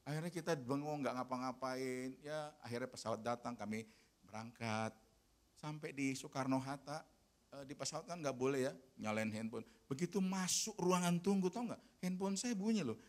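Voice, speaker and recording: A man preaching a sermon as pastor, telling a personal story in an animated way that grows loud and emphatic. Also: mid-range voice, normal speed.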